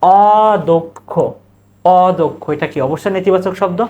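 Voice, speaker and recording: Bangladeshi male teacher drilling pronunciation. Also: on the high side. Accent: Bangladeshi Bengali. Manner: drills students with questions, then repeats the answers; stretches out model words slowly, syllable by syllable. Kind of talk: recorded exam-prep lesson.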